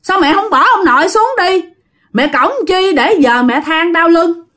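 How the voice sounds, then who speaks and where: A blunt, stubborn six-year-old with a Southern Vietnamese accent, as a woman storyteller plays it. The voice is pitched very high and loud, and it jumps around a lot. The child says the same thing again and again. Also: lively intonation, a little slow, exaggerated voice. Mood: insistent. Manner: high, pleading, repeating itself.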